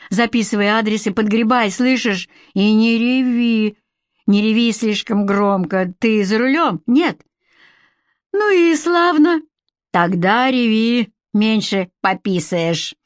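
A woman voicing a brash, bossy middle-aged woman who talks loud, blunt and rough in a storybook reading. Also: a little high, animated, slow, no room sound, clean studio sound.

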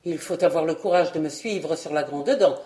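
A woman's voice: low voice, moderate pace, dark tone, reverberant, pitched below the performer's own voice, lightly acted. A woman voicing a stern, commanding old fairy aunt who scolds and barks orders.

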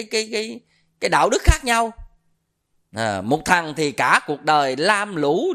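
Southern Vietnamese monk giving a dharma talk. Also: male voice, high-pitched, a bit bright. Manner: storytelling, quizzes the audience with questions. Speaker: Buddhist monk.

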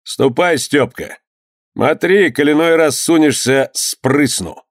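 A man voicing a hot-tempered merchant lord who shouts gruffly and mocks his enemies. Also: on the high side, slow, dry recording, studio quality, pitched above the performer's own voice. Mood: mocking.

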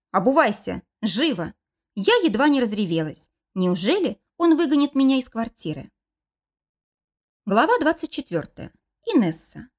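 Audiobook narrator, woman, expressive first-person reading, lively high voice.

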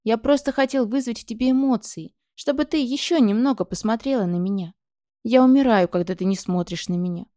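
A tender male dragon husband, as a woman reads him, coaxing his angry wife in a soft, pleading voice. The tone is mellow and sits a little high for a man. The sound is close and dry, with no room around it. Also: a little fast, no room sound, lightly acted.

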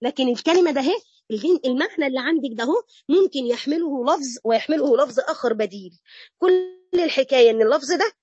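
Egyptian lady teaching a religious class, high voice, dry close sound, chatty and lively. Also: fast, no echo, lo-fi sound. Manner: lively, mixes classical phrases with colloquial chat. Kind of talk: religious lesson to women.

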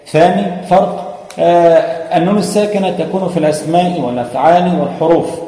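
A man's voice: sits high, mellow. A man teaching a lesson on Quran recitation, explaining step by step with frequent hesitations and chanting verses. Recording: echoey room with long reverb.

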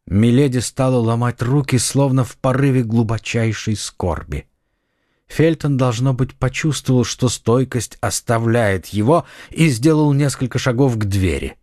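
A man narrating an adventure audiobook in a scripted, expressive, dramatic way. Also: mid-range voice, measured pace, dry recording, studio quality.

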